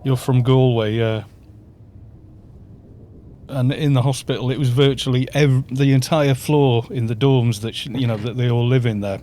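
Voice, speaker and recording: Leading a live-streamed game group, a fifties-aged man from North Wales rambles along in a chatty way, chuckling often and reading the chat aloud. His North Welsh-accented voice is mellow and mid-range, with fairly even intonation at normal speed, and there's slight background noise plus faint music.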